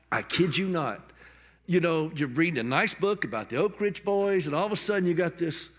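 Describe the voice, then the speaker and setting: Man giving an emotional stage tribute. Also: a little high. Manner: jokey then tender, repeats and restarts words. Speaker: tribute speaker at a book launch. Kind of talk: heartfelt public tribute speech. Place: on stage at a public event.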